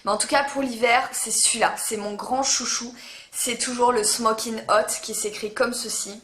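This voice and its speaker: Female beauty vlogger, higher-pitched, rambling and hesitant delivery, roomy echo. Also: steady tone, normal speed, a bit bright, a little hiss or hum. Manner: chatty, hesitant, full of "euh" fillers; stumbles over her words. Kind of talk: casual chat to camera. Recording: echoey room.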